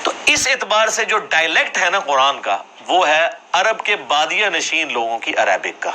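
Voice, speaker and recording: Man, religious lecturer, conversational explaining, somewhat high voice, piercing tone. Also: big pitch swings, sharp tone, low-quality recording. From Jhelum, Punjab, Pakistan. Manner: conversational, explanatory, asks for agreement with tag questions.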